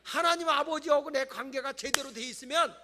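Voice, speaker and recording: A middle-aged male pastor giving an animated Friday night sermon in a church, acting out whiny voices and shouting. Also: extremely high pitch, brisk. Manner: animated, acts out voices of people he tells about, mock-whines and shouts. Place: church sanctuary.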